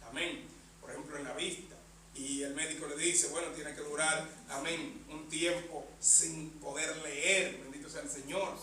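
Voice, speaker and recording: Bright, high-pitched male preacher, constant amens, recorded from a distance in a reverberant church with a faint hum. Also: steady tone, measured pace. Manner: punctuates phrases with amen and bendito sea el Señor. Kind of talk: sermon. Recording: echoey church hall, mic far off.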